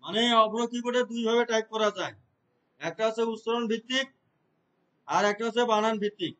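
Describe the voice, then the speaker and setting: Man, very high-pitched voice, computer teacher, step-by-step classroom explanation, keeps asking if students follow. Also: quick pace, fairly bright tone, clean tone, highs cut off. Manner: explains step by step, checks understanding with repeated questions. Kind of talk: classroom lesson.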